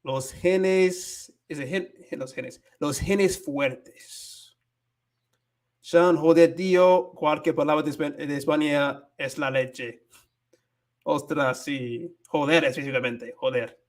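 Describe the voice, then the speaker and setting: Slow-talking, slightly high-voiced man streaming. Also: steady tone. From United States. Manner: switches between Spanish and English, stumbles and searches for words. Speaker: livestream host teaching Spanish. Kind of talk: casual livestream chat reading viewer comments.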